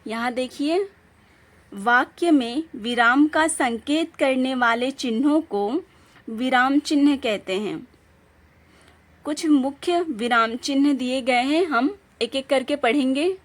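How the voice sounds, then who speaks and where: A woman teacher giving a patient lesson, reading example sentences aloud with clear emphasis. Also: sits high, slow pace. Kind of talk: classroom lesson explaining punctuation.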